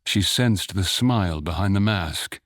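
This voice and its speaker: A man narrating a fantasy short story in a measured, even storytelling manner. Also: sits low, dry recording, studio quality. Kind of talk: scripted audiobook narration.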